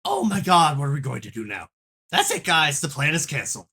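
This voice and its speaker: A performer voicing a loud, foul-mouthed, indignant troll leader with theatrical exasperation in an amateur comic dub. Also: mid-range voice, huge pitch swings, brisk, a little hiss or hum, exaggerated voice. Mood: exasperated. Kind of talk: amateur group dub of a comic chat log.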